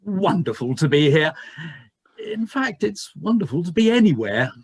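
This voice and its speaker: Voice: medium pitch, very animated, normal speed, slightly rough, no echo. An actor playing a relentlessly cheerful, bumbling leader in a comic pantomime, pompous and blustering. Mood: cheery.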